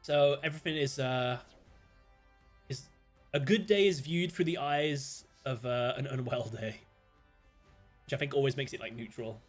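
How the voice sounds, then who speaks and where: A British man chatting casually while streaming a card game, thinking aloud, greeting viewers and breaking into sudden excited outbursts. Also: medium pitch, normal speed, pauses often, soft background music. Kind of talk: casual live-stream gameplay commentary.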